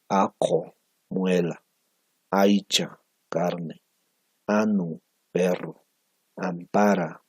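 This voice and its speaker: A deep, gravelly man gives a slow, patient pronunciation lesson. His voice is husky and very low, and he drills each syllable aloud. The sound is dry and close, with almost no room. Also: darkish tone, dry recording. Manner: slow, measured, tags phrases with "¿no?"; repeats sounds and words for pronunciation. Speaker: language teacher. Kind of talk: recorded lecture on phonetics.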